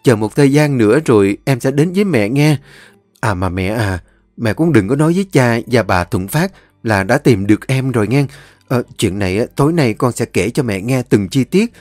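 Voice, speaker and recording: A man voicing a caring elder sister who speaks in a gentle, coaxing way. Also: medium pitch, lively intonation, normal speed, dry recording, close to an everyday voice. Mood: reassuring.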